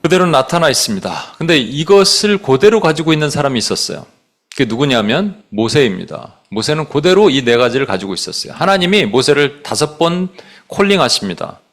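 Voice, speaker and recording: Male pastor, sermon, lively rising and falling pitch, rhetorical questions, acted-out scripture quotes, English phrases mixed in. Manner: animated preaching with rhetorical questions; acts out biblical dialogue in quoted voices.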